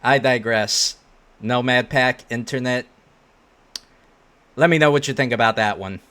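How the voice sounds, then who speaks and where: A man's voice: mid-range voice, a little slow, fairly bright tone. A man hosting online reaction commentary, reading posts aloud and giving opinions in casual, slangy speech.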